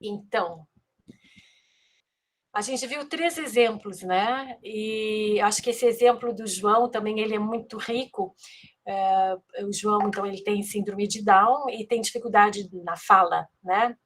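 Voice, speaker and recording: A woman's voice: mid-range voice, a little slow, fairly bright tone. A woman with a Brazilian accent giving a spontaneous lecture as a course instructor, reflective and hesitant, often checking for agreement. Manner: reflective, hesitant, seeking agreement with tag questions.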